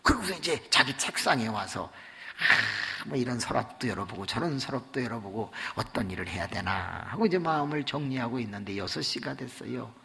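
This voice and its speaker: A male pastor preaching a sermon, telling a story with animated delivery in a church. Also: medium pitch, a little fast, gravelly, slight background noise. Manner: animated storytelling, acting out voices. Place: church sanctuary. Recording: long church reverb.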